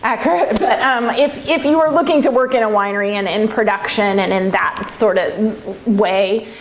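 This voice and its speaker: A woman's voice: medium pitch, moderate pace, rough recording. Conversational woman interviewee, slight background noise. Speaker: interviewee, winemaker. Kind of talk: casual reflective interview talk.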